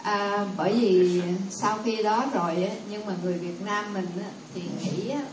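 Casting: female audience speaker, earnest and deferential, distant in a reverberant hall with steady background noise. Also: mid-range voice, moderate pace. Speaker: audience member giving her view. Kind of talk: speaking up at a temple discussion.

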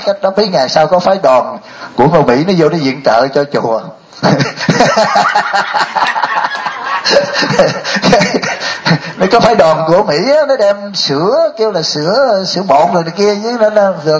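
Older monk with a slightly high voice. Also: male voice, expressive, fast talker, a little hiss or hum, low-quality recording. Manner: storytelling, often asks the audience rhetorical questions. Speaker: Buddhist monk. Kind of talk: dharma talk sermon.

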